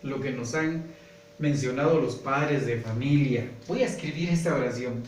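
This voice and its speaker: A man with a Guatemalan Spanish accent teaching a grammar lesson slowly and patiently, often checking in with "¿verdad?". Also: medium pitch. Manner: patient, repeats points, often asks "¿verdad?". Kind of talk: slow classroom grammar lesson. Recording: echoey room, voice from far off, faint noise.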